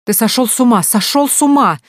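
A woman's voice: lowish voice, moderate pace, warm tone, no echo, studio quality. A woman reading an audiobook, voicing a stern, domineering middle-aged mother who scolds her grown son in an imperious way. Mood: hysterical.

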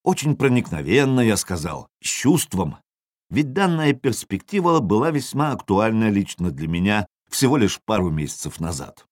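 A man's voice: on the low side, very animated, normal speed, dry recording, studio quality. A man narrating a story in the first person, expressively. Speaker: audiobook narrator.

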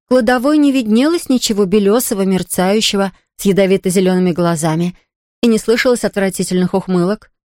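A woman narrating a children's story in an expressive, steady way. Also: medium pitch, fast, dry recording, studio quality.

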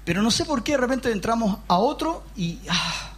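A man with a Chilean accent preaching a lively sermon in a church hall, emphatic and often raising his voice, with joking asides. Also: very high voice, moderate pace. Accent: Chilean Spanish. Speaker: pastor.

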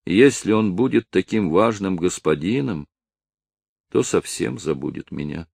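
A man's voice: lowish voice, moderate pace, vocal fry, dry recording. A man doing a tender, wistful young woman. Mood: wistful, gentle.

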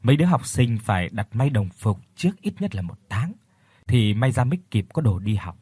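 Husky guy reading a story, dry close sound. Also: medium pitch, brisk, no echo. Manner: steady storytelling. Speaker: audiobook narrator. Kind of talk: scripted narration.

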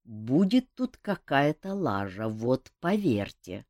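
A twitchy, sardonic wizard , as a woman voices him, muttering his worries in a lowered, dry tone. Close, dry reading. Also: sing-song, slow, a little mellow, no echo, full character voice. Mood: uneasy. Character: nervous, sardonic male mage adventurer.

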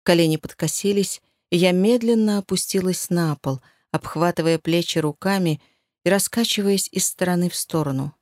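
A woman narrating a first-person novel as an audiobook in a steady, emotive storytelling manner. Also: lowish voice, moderate pace, no room sound, studio quality.

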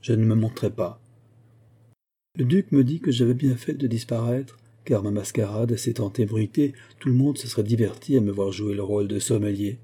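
Male audiobook narrator, very dark timbre, measured elegant read. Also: fairly low pitch, fairly even intonation, husky. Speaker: audiobook reader. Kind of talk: scripted literary narration.

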